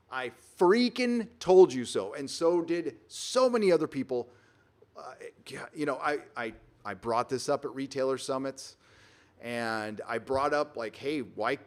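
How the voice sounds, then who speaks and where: A man from Southern California hosting a casual livestream from a rented home on the road, reading out viewer donations and talking in an emphatic, rambling way with frequent restarts. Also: fairly high pitch. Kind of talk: casual live-stream commentary.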